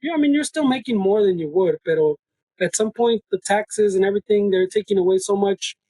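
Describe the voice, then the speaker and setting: A man with a high, husky voice trades brash banter thick with slang and swearing. He switches easily between English and Spanish. His voice sounds dry and close to the mic. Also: brisk, dark tone, no room sound, poor audio. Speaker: podcast co-host.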